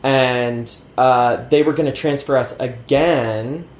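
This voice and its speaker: A man in his thirties talks in a loose, self-deprecating ramble, full of fillers and quick laughs. His voice sits at a middling pitch and carries some room echo, with a faint ambient hiss behind him. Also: a little mellow. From born in Connecticut, raised in Georgia. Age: 30s. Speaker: interview guest. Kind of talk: casual conversational interview. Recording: roomy sound with faint ambience.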